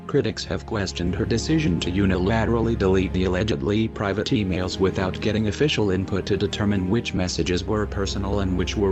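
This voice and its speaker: Man with a disguised, very deep voice. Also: muffled recording. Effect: disguised deep voice changer. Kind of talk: scripted reading of a news report. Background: music.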